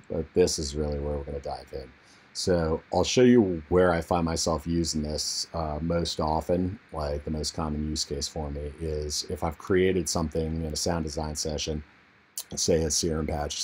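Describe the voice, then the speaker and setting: A man on a low-quality built-in mic, very deep and flat. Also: a little hiss or hum. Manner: laid-back, relaxed, with frequent fillers. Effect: low-quality built-in computer mic. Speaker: music production tutorial host. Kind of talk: casual software walkthrough. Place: untreated room in a family home. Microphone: internal computer mic.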